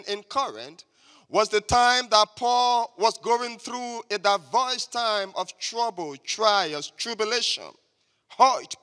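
A man preaches a slow, deliberate sermon in a high, bright voice. He stresses his points and calls on the congregation to repeat his words. His voice rings with a long church reverb. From Liberia. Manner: emphatic, has the congregation repeat after him. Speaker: guest preacher. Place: church sanctuary.

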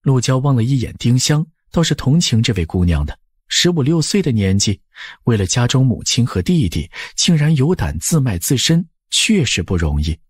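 A male narrator brings a scripted period story to life at a moderate pace, his husky, medium-pitched voice very animated and ranging widely in intonation. The close recording is dry, with no echo.

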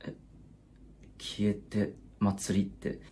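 A man's voice: fairly low pitch, completely flat delivery, extremely slow, warm tone, slightly rough, exaggerated voice. A man in his thirties playing a meek, awkward salaryman in a comedy sketch. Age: 30s. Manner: hesitant, timid, awkward.

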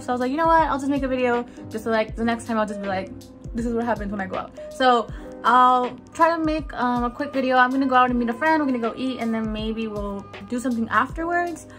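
A woman's voice: fairly high pitch, fairly bright tone, rough recording. A young woman in her twenties chatting casually to a handheld camera as she walks through streets and shops, giggly and full of fillers. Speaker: vlogger. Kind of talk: casual vlog chat to camera. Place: home kitchen, then streets, subway station and shops. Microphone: handheld camera at arm's length.

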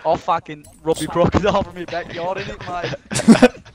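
A man's voice: sits high, fairly even intonation, a little slow, a crowd in the background. A young man joking and swearing with friends during a game stream, laughing a lot, on a headset. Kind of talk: rowdy gaming banter. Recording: loud game music behind voice.

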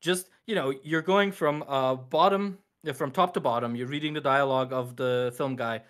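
A man's voice: mid-range voice, moderate pace, fairly bright tone. A man co-hosting a podcast, chatting casually, laughing often and drifting into tangents. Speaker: podcast co-host. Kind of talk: casual chat.

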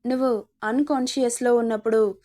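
A woman's voice: on the high side, steady tone, fairly quick, mellow, lightly acted. A woman voicing a possessive, teasing young male rowdy in an audio story, with a bossy, teasing manner.

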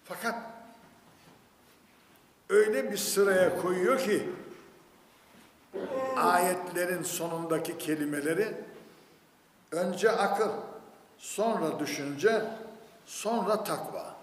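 An older man with a cold, giving an emphatic Quran commentary lecture and swinging between loud exclamations and low asides. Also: takes it slowly, long pauses. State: has a cold. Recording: echoey hall with long reverb, faint noise.

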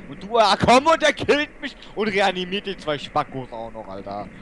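High-voiced raging gamer guy. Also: wildly swooping pitch, normal speed, slight background noise. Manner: furious, swearing, yelling at opponents; mutters low between outbursts. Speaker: gamer playing an online shooter. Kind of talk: raging gameplay commentary.

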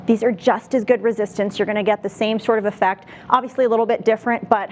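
A woman's voice: mid-range voice, steady tone, quick pace, a little hiss or hum. A woman in her thirties, a fitness coach guest on a TV studio set, giving upbeat workout tips. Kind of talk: TV studio demonstration.

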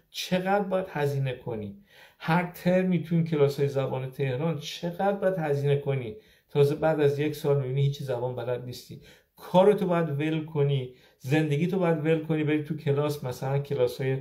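A man's voice: a little high, warm tone. A man in his fifties from Iran, an optometrist giving casual advice on a live stream, asking rhetorical questions and repeating key points for emphasis. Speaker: optometrist sharing migration advice.

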